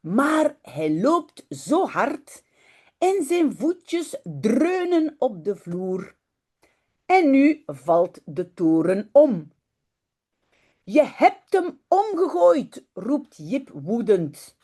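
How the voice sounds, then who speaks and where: Woman teacher, storybook reader, slow pace, very animated pitch. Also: breathy edge. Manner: slow, very lively storybook reading with shifting character voices; quick, chatty explaining between readings. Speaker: Dutch teacher. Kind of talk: reading a children's story aloud, then explaining.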